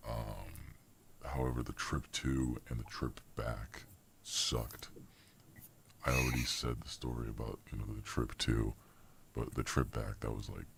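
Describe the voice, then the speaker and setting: A man hosting a casual podcast chat, his voice run through a voice changer that shifts it very deep. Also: measured pace, gravelly, slight background noise. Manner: relaxed, slangy, swears when flustered. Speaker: podcast host.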